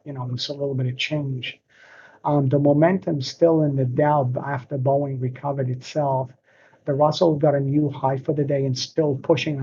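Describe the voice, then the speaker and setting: A man coming through a group voice chat, giving a halting market rundown to a trading room, with frequent restarts and clipped words. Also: mid-range voice, warm tone, breathy edge. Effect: voice heard through a group voice chat. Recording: dull lo-fi voice chat mic.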